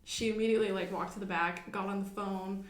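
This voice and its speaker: A young woman co-hosting a podcast, telling a workplace story in a lively, animated way with frequent laughs. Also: medium pitch, fast talker. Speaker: podcast co-host. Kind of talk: casual chat. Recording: echoey room.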